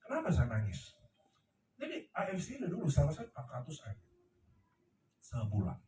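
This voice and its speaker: Middle-aged man, emphatic motivational speaker, high and animated, recorded far off in an echoey room. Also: brisk, slight background noise. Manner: emphatic, preachy, asks the crowd "ngerti ya?". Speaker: company leader speaking to his team. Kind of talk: motivational talk to a live audience. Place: large room before a seated audience.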